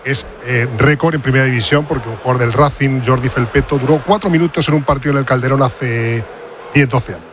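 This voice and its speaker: A man's voice: mid-range voice, brisk, a little hiss or hum. A man on a sports radio panel setting out a football trivia question with detailed explanation.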